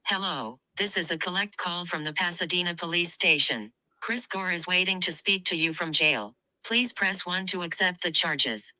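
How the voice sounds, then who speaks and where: A woman's voice: on the low side, moderate pace, bright, forceful tone, dry recording, poor audio. A synthetic woman's voice reading an automated jail collect-call announcement, played from a phone. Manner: stiff, evenly paced robotic delivery. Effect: automated text-to-speech collect-call message played from a phone. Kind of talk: flat recorded phone announcement.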